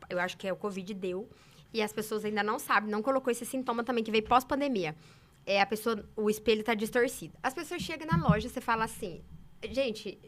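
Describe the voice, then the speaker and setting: A woman from Brazil telling sales stories in a casual interview, emphatic and animated. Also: fairly high pitch. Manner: animated, emphatic, quick talker. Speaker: saleswoman guest.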